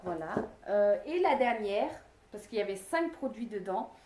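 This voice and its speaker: A woman's voice: mid-range voice, lively intonation, moderate pace, warm tone. A woman vlogger casually reviewing bath products, talking hesitantly with many fillers. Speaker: beauty vlogger. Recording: echoey room.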